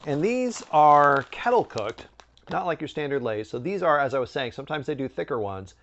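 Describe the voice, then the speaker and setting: Man with an animated, higher-pitched voice. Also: moderate pace, lo-fi sound, slight background noise. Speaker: snack review host. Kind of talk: casual food review chat.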